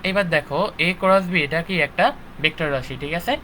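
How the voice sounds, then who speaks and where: Talking fast in a bright, forceful, high-leaning voice, the young physics instructor runs a live online lecture and keeps checking in with "ঠিক আছে?" and "okay" after nearly each point. There's slight background noise on a rough recording.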